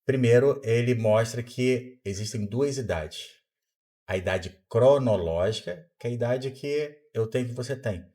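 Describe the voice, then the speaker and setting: A Brazilian doctor in his fifties speaks as a podcast guest, his medium-pitched voice dark in tone and measured in pace. In this explanatory interview he teaches as he talks, asking himself rhetorical questions and then answering them.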